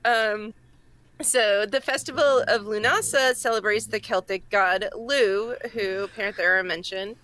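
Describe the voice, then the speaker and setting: A woman's voice: medium pitch, steady tone, unhurried, fairly bright tone. Chatty Massachusetts woman cohost. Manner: chatty, laughs often. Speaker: podcast cohost. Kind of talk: casual chat, explaining a pagan festival.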